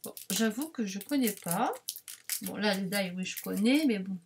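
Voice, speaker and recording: A woman chatting to her viewers while unboxing craft supplies, rambling, excitable and quick to apologize. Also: mid-range voice, a little hiss or hum. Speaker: craft vlogger unboxing a parcel. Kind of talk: casual unboxing chat to viewers.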